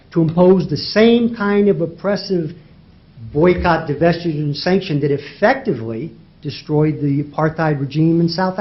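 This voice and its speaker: A man arguing as a lawyer before a judge, pressing his points with rhetorical questions and emphatic repetition. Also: on the high side. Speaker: lawyer arguing in federal court. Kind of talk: courtroom oral argument. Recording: dull lo-fi courtroom audio.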